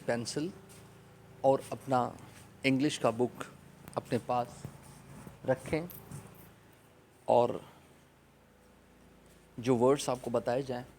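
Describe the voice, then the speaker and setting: A man with a Pakistani accent teaching an online English class to children, saying each vocabulary word loudly and repeating it for them to copy. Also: mid-range voice, a little hiss or hum. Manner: opens with an Arabic prayer, then explains in Urdu.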